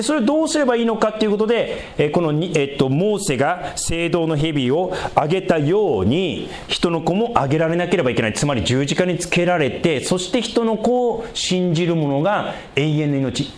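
A man preaching a sermon in an animated way, with chuckles along the way. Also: normal speed, hardly any pauses. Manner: animated preaching with big pitch swings and light laughter. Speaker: pastor.

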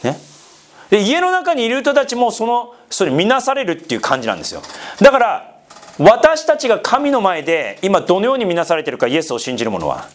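A man's voice: high-pitched, sing-song, fairly quick. A man preaching a sermon in a conversational way, asking the congregation questions and slipping into casual asides. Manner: mixes polite speech with casual asides. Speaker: pastor.

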